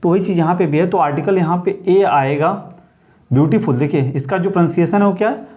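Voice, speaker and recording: A man's voice: high-pitched, a little fast, darkish tone. A man teaching grammar in Hindi, asking rhetorical questions and calling his viewers friends. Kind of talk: Hindi-English grammar lesson.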